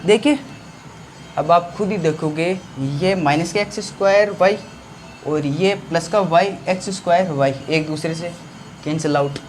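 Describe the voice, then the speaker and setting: A man's voice: fairly high pitch, unhurried, a little hiss or hum. A male maths teacher explains a school algebra problem step by step, asking questions and answering them himself. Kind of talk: blackboard maths lesson.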